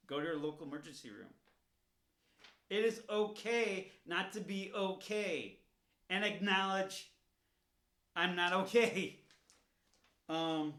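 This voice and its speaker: A man's voice: fairly high pitch, fairly bright tone, echoey room. A man speaking earnestly to camera in a personal vlog, pleading and repeating himself as he urges viewers to reach out. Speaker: vlogger. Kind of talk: personal awareness message.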